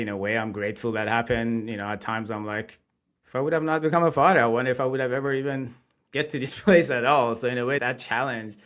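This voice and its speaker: A man, talking casually and animatedly as a podcast guest. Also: on the low side. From Iran. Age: 40s. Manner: animated, chatty, laughs between thoughts. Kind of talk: casual interview talk.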